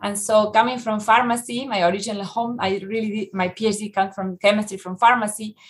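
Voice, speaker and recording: This middle-aged Argentine woman, a researcher appearing as a podcast guest, has a mid-range, steady voice and an Argentine Spanish accent. Her speech is halting, full of restarts and "uh" fillers.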